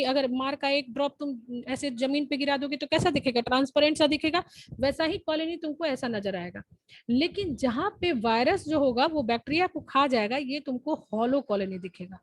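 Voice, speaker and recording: A woman teaching an online class in a high, somewhat husky voice. She explains patiently, step by step, and keeps asking whether the students are following. The sound is close and dry, with no room around it. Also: no echo, poor audio. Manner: explains step by step, asks checking questions.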